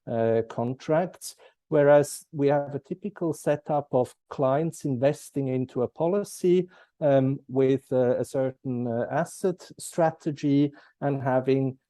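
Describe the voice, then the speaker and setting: Very mellow man. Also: medium pitch, no echo. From German-speaking Switzerland. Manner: formal, measured explaining. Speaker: guest, compliance expert. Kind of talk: interview answers.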